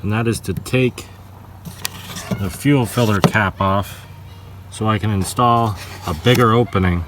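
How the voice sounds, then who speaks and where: A man chatting casually in a vlog, halting and repeating words, laughing often. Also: lowish voice, background noise. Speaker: vlogger. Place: outdoors by cars, then inside a car.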